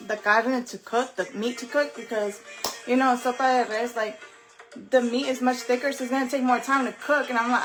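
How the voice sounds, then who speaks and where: A woman's voice: fairly high pitch, reverberant. A young woman chatting casually to her viewers while cooking in her home kitchen, calling them y'all and laughing at herself. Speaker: home cook vlogger.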